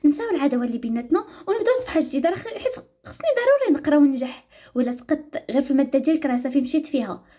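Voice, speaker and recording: A woman voicing a feisty young female student, with a Moroccan accent and a sharp, defiant way of talking. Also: high-pitched, animated, very fast.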